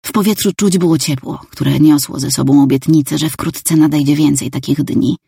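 A woman reading a novel aloud in first person, calm and even. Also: low voice, moderate pace, gravelly, husky, no echo, studio quality. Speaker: audiobook narrator. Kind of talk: scripted first-person narration.

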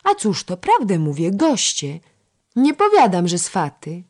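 A narrator voicing a sharp-tongued young lady-in-waiting who speaks shrilly and mockingly, in a historical storybook. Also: medium pitch, wildly swooping pitch, measured pace, voice pushed up. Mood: excited.

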